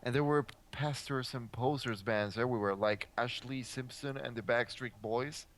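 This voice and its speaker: A young man doing a mocking dramatic reading in a deadpan, exasperated way. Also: mid-range voice, moderate pace.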